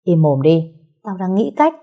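Woman doing cold gang boss sister, curt, low, husky voice, audio story. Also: sing-song, measured pace, dark tone, full character voice. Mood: commanding.

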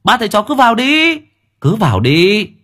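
A reassuring village official, as a male narrator puts him on, calling out in a raised, lively voice. The tone is coaxing and husky, with faint music under the storybook reading. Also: sits high, normal speed, voice pushed up, exaggerated voice. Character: reassuring village party secretary, grown man.

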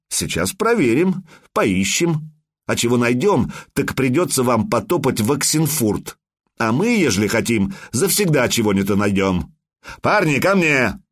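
A man voicing a shrewd customs officer who speaks slowly and deliberately with a mocking edge. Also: medium pitch, big pitch swings. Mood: sly. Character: shrewd male customs officer, sly and unhurried.

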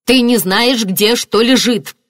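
A woman's voice: big pitch swings, brisk, no room sound, clean studio sound. A woman reading an audiobook, voicing a distraught middle-aged mother who flares up and cries out. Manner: shrill, flaring up.

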